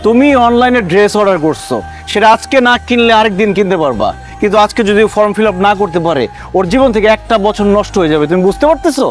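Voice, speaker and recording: An earnest, lecturing good husband, high voice, fast delivery, music behind. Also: male voice, lively intonation. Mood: earnest pleading. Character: kind-hearted young husband, earnest persuader. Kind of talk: TV drama acting.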